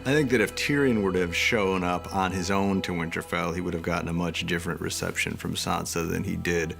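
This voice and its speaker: A man gives behind-the-scenes commentary in a low voice with heavy fry. His intonation stays quite flat, and music runs underneath as he explains the series. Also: brisk. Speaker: series creator commenting on episode.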